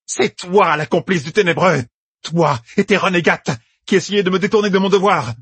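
A man doing a shrill enraged tyrant woman. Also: animated, a little fast, breathy edge, no room sound, heavily acted. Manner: shrill, haughty, shouting. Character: furious tyrannical older woman, imperious ruler.

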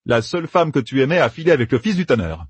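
A man's voice: mid-range voice, sing-song, slightly rough, no echo, pitched above the performer's own voice. A man voicing a brash young schemer who barks out plans in a raised, emphatic voice in an audiobook. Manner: bossy, emphatic, rapid-fire planning.

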